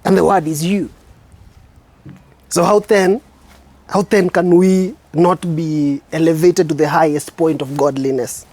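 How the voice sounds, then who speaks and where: A man with a Kenyan accent, a spoken word artist hosting his show, giving a preachy, reflective monologue with slow, emphatic stresses. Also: fairly high pitch, steady tone, darkish tone, dry recording.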